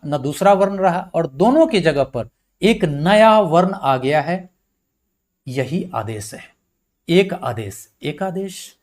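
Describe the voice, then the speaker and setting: A male teacher gives a measured, unhurried grammar lecture and breaks each word down letter by letter. His voice sits somewhat high for a man, and he speaks, repeating points patiently. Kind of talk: slow blackboard-style lecture.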